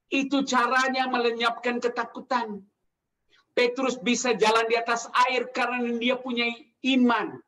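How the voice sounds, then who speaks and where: A male preacher delivering a sermon, speaking slowly and emphatically and addressing the congregation directly. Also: high voice, sharp tone, low-quality recording.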